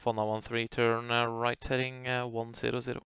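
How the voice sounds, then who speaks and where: Guy doing air traffic control radio, very clear voice, dry slightly dull audio, clipped procedural calls. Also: medium pitch, little pitch movement, moderate pace, fairly bright tone, dry recording. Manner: clipped procedural phrasing, polite. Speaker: air traffic controller on a flight simulation network.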